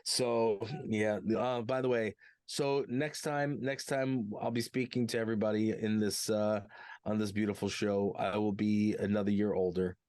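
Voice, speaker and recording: A man's voice: fairly low pitch, fairly even intonation, moderate pace, darkish tone, clean tone, dry recording, studio quality. A man in his forties co-hosting a podcast, rambling casually with lots of fillers and jokes. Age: 40s. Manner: rambling, filler-heavy, jokey. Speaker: podcast co-host. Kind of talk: casual chat.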